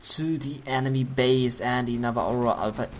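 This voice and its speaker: A man's voice: mid-range voice, a little fast. Man casting a video game match. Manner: excited bursts at big plays. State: voice going hoarse. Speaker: esports caster. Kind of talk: solo game commentary.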